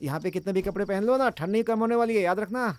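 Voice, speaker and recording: A man's voice: sits high, fast, noisy background, close to an everyday voice. A man dubbing a film role as a timid young man who stammers nervously out of fear of a ghost. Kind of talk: Hindi film dub. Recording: loud film score under dialogue.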